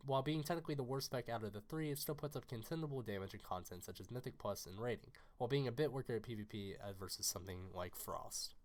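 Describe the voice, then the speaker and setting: A man with a raspy, hoarse voice from being under the weather, giving a scripted game guide narration in a brisk, informative way. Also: mid-range voice. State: hoarse from illness.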